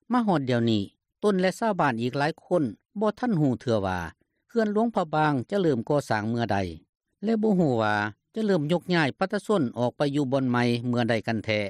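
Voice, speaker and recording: A man's voice: on the high side, no room sound, clean studio sound. A man with a Lao accent reading scripted radio news as a reporter.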